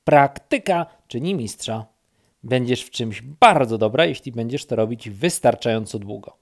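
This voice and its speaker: A man voicing a proud, chirpy male woodpecker in a storybook reading, repeating his words in quick bursts. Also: medium pitch, lively intonation, vocal fry. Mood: cheerful.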